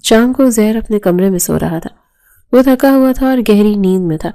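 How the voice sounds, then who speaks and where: A woman narrating a romance novel in a steady, even storytelling voice. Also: medium pitch, clean tone.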